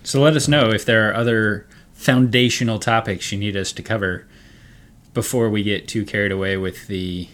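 A man who is a financial advisor co-hosting a podcast, explaining investment points in a measured casual way. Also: fairly low pitch, fairly even intonation, fairly bright tone, a little hiss or hum. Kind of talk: casual chat.

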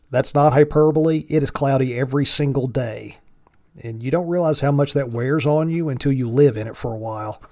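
A man's voice: mid-range voice, a little mellow, no room sound. A man with a thick Appalachian accent, hosting a solo podcast in a folksy way with wry, dry humor. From mountains of Virginia, United States. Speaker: podcast host.

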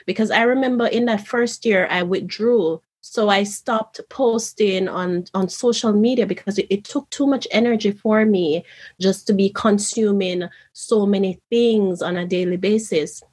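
A Jamaican author, appearing as an interview guest, tells her story in an earnest, reflective manner during a conversational interview. Her mid-range voice is a little mellow and husky, and she talks at a normal speed.

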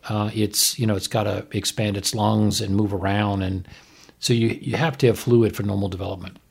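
This man hosts a casual podcast as a fetal surgeon reviewing a TV episode, explaining medical points conversationally and checking in with "right?" His voice is on the low side, husky and level, with vocal fry and a normal pace.

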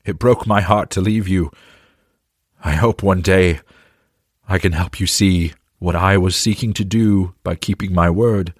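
A man's voice: medium pitch, husky, dry recording, studio quality. A man voicing a steadfast, loyal knight who speaks earnestly and pleadingly.

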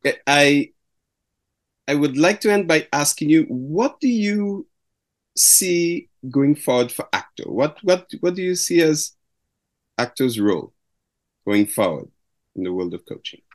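A man's voice: a little high, expressive, unhurried, pauses often. A man hosting an interview, supportive, offering words to help his guest along. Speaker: interviewer, host. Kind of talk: casual interview talk.

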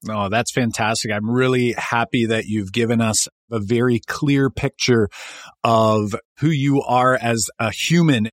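A man's voice: medium pitch, fairly even intonation, measured pace, dry recording, studio quality. A man hosting a podcast, asking his guests upbeat, curious questions. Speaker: podcast host. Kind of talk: podcast interview.

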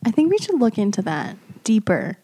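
Woman co-host, bright lively pitch, teasing, casual chat. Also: husky. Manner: teasing, chiming in with quick quips. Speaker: podcast co-host.

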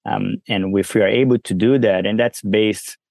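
A Brazilian man with a trace of French in his accent speaks as a guest entrepreneur in a casual interview. His deep voice is gravelly, at a normal speed, and he's relaxed, with many fillers and restarts. The sound is dry, with no room echo.

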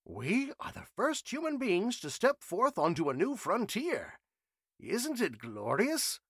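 A man's voice: high voice, huge pitch swings, takes it slowly, fairly bright tone, slightly rough, dry recording, studio quality, voice pushed up, full character voice. A man doing a jubilant, eccentric old professor.

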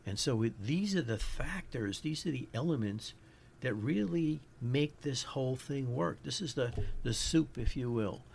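A man's voice: mid-range voice, expressive, measured pace, vocal fry, a little mellow, a little hiss or hum. A man with a New York accent hosting a podcast, giving an informal lecture as he searches for his words. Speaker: podcast host.

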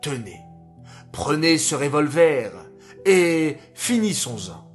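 A man doing a falsely gentle, scheming commander. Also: fairly high pitch, sing-song, slow, faint music behind. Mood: coaxing. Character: sly army commander, falsely kind, scheming.

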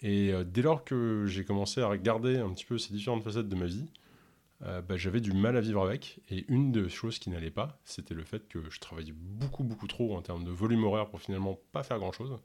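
A man from Ontario who speaks French with no accent, answering interview questions in a halting way with many fillers. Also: fairly low pitch, a little mellow. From Canada, Ontario. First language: English. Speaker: podcast host and health coach.

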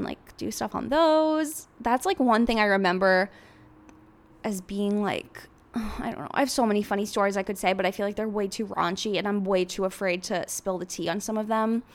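A woman's voice: medium pitch, normal speed. Chatty young woman telling stories. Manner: chatty, heavy use of "like", rambling. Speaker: vlogger. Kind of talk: casual confessional storytelling.

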